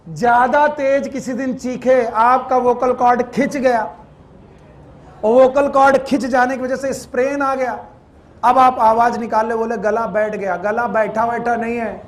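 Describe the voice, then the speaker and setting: A man teaching biology to a class in Hindi with a Purvanchal accent, quizzing students and scolding them, dropping in English terms. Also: very high voice. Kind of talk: classroom lecture.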